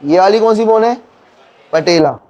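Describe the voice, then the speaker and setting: A man's voice: high voice, animated, normal speed, darkish tone, muffled recording. A male teacher giving a classroom anatomy lecture, quizzing students and counting bones aloud. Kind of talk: classroom lecture with call-and-response questions.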